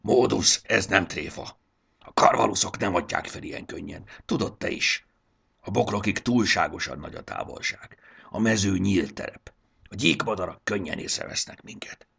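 A man voicing a bossy, anxious young male creature who shouts warnings in a gravelly voice. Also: deep voice, full character voice. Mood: stern. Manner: urgent, scolding shouts.

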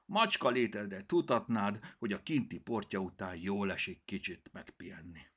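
A man's voice: mid-range voice, wildly swooping pitch, a bit bright, slightly rough, pitched above the performer's own voice, exaggerated voice. A man voicing a proud, possessive house cat that talks in a bossy, huffy way. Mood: haughty, possessive.

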